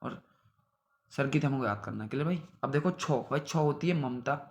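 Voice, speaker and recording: A man's voice: mid-range voice, moderate pace, vocal fry. A young man teaching exam-prep vocabulary, repeating word lists and checking in with his students after each one. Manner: repetitive, drilling word lists with "theek hai bhai". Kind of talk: synonym revision lesson.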